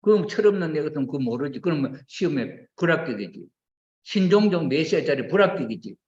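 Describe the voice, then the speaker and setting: A man's voice: on the high side, very animated, brisk, a little mellow. An older man preaching a sermon, questioning his listeners and acting out quoted voices as he goes. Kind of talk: sermon to a congregation. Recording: roomy, dull lo-fi recording.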